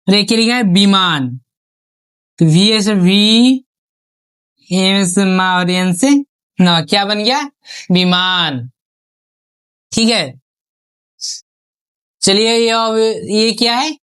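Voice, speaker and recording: A woman teaching an online spelling class at an unhurried, deliberate pace. She poses each question and answers it herself, drawing out every syllable and letting her pitch fall as each word is completed. Her voice sits at an ordinary middle pitch. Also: a bit bright, clear, resonant tone.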